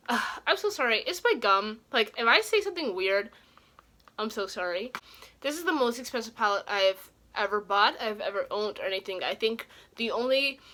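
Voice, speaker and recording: A woman's voice: mid-range voice, sharp tone. A young woman vlogger chatting casually and ramblingly to camera, talking awkwardly with a swollen, sore cheek as if after dental work. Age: young adult. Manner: rambling, informal. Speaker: beauty vlogger.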